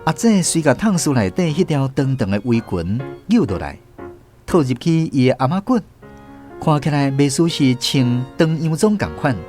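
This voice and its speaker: A man with a Taiwanese accent narrates a scripted children's radio story in an expressive storytelling style. His mid-range voice moves at normal speed over soft background music.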